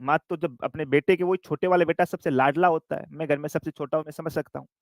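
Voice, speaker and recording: A high-voiced male teacher lectures his exam class, weaving in a comic story and slowing down to dictate notes. The sound is close and dry, with no room echo. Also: fairly even intonation. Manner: storytelling, calls students "dear children"; dictates notes slowly with repetition.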